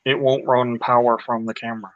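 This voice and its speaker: A man's voice: mid-range voice, level tone, fairly quick, dry recording. A man co-hosting a casual live chat, joking around and giving practical tips. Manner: joking, gives practical advice. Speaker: live show co-host. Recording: dull lo-fi sound.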